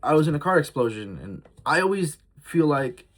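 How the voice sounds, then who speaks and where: A twenty-one-year-old vlogger talks into his phone camera in a casual, confessional ramble, reflective and heartfelt, with frequent fillers. His voice is a little high and very animated, at a normal speed.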